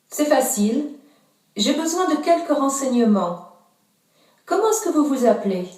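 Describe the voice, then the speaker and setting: A brisk business-school secretary filling in a registration form in a textbook dialogue. Her voice sits a bit high and she asks short, clerical questions. The sound is roomy and far from the mic. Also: sing-song, darkish tone. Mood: businesslike. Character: female business-school secretary taking details. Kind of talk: scripted language-course dialogue. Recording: echoey audio heard from far off.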